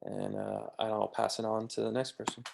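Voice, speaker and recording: A fairly low-voiced man from the American East Coast runs a video-call meeting. His voice has a gravelly edge, and he keeps the group organized in an easygoing, relaxed way. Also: fairly quick, a little hiss or hum. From United States, East Coast.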